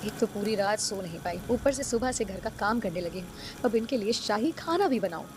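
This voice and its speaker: A woman voicing a young daughter-in-law in a cartoon story, who mutters complaints to herself in a high voice. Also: animated, fairly quick, background noise, natural voice. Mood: grumbling. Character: young daughter-in-law, sleepy and quietly grumbling.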